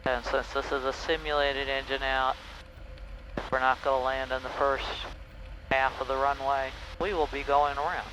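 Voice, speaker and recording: A man's voice: mid-range voice, level tone, moderate pace. A man working as a flight instructor, explaining step by step how to handle a small airplane. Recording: loud engine and cockpit noise.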